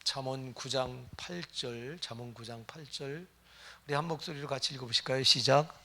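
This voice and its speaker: A man's voice: mid-range voice, fairly even intonation, normal speed, bright, forceful tone. A middle-aged man preaching a sermon as pastor, emphatic and firing rhetorical questions at the congregation.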